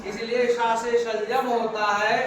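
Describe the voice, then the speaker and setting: A woman's voice: a little high, little pitch movement, slow, a crowd in the background. A woman teacher giving a classroom lesson, who drills her pupils by asking the same question again and again. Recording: echoey classroom, distant mic, noisy.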